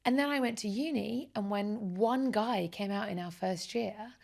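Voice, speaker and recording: A woman, a guest in a relaxed interview. Her voice has a gravelly, creaky edge. She speaks with animated, enthusiastic energy. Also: mid-range voice, normal speed. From Essex, England. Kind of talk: casual conversational interview.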